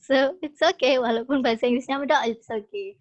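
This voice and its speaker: A woman's voice: high-pitched, fairly quick. Chatty woman teacher on a video call. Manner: chatty and encouraging, laughs often. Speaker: English teacher. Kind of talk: casual online class talk mixing English and Indonesian. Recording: dull lo-fi video call audio.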